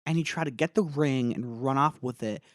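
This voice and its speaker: A man's voice: mid-range voice, a little fast, dry recording, clean studio sound, natural voice. A man improvising a sheepish young male hobbit who rambles and stammers through an apology in a comedic podcast bit. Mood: rambling. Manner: rambling, stammering, crude joking.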